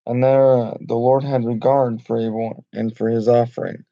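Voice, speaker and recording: A man reading and explaining Bible verses in an informal, halting way with many fillers and restarts. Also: medium pitch, level tone, no echo. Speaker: Bible study teacher. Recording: dull lo-fi home recording.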